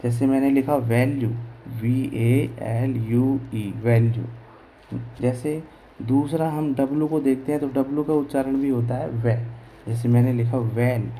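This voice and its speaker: A man's voice: mid-range voice, fairly even intonation, a little slow, warm tone, a little hiss or hum, poor audio. A man teaching English pronunciation, spelling words letter by letter and answering his own questions as he explains. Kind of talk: slow classroom explanation in Hindi.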